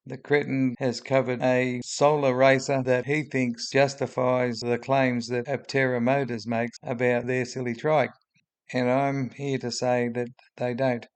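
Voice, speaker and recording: A man in his seventies with a broad Australian accent and a droning voice, giving blunt, opinionated spoken commentary as a video host. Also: mid-range voice. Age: 70s. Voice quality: droning, gravelly.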